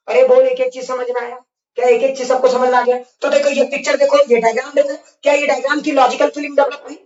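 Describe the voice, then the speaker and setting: A man teaching physics in an online class who coaxes and playfully scolds his students and keeps checking whether they follow. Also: very high voice. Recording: echoey, distant, dull mic.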